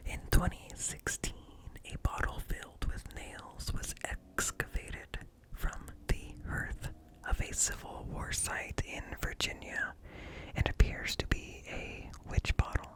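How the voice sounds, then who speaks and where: Reading encyclopedia entries in a hushed whisper, this ASMR creator keeps his lips near a close-up, ear-to-ear stereo mic and leaves pauses between brief phrases. It's a low-quality recording.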